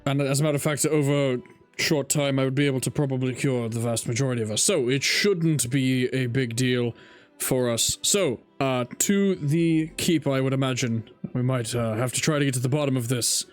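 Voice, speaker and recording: A man playing a tabletop role-playing game, improvising dialogue in a measured, hesitant and fairly formal way. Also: mid-range voice, faint music behind.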